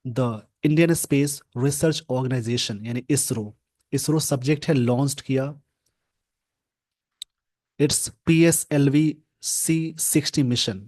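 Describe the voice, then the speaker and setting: A man teaching English grammar from a newspaper, explaining slowly and repeating key words. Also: mid-range voice, darkish tone. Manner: slow, repetitive explaining, mixing English terms into Hindi.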